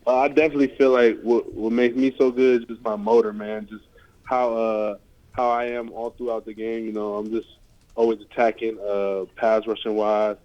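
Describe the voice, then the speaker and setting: A linebacker in his twenties from the United States, with ties to California and Ohio, answers press questions casually over a remote conference call, peppering them with "you know" and "like." His voice sits on the low side and is a little mellow, with little pitch movement and a normal speed. The audio is dull and lo-fi.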